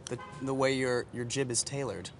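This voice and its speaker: A man, an actor, chatting playfully and ramblingly as a guest in a relaxed interview outdoors. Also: medium pitch, normal speed, slight background noise. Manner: playful, rambling, self-mocking. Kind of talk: casual chat.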